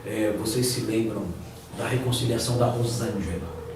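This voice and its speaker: Echoey pastor lecturing a class. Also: male voice, fairly low pitch, steady tone, normal speed. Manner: conversational, acts out quoted voices. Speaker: pastor teaching a preaching class. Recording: echoey room, distant mic, noisy.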